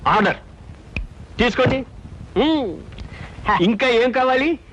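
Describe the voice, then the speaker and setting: A gullible, easily flattered customer, with a very high voice that swings up and down. His lines sit in a dull, lo-fi film track with faint music underneath. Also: slow, exaggerated voice. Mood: curious. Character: gullible, pleased male customer.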